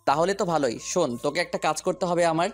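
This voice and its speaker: In an audio story, a man plays a determined businessman hero, a commanding boss and loyal friend, speaking firmly and with purpose. His voice is on the high side, fast and close to everyday speech, with faint music behind.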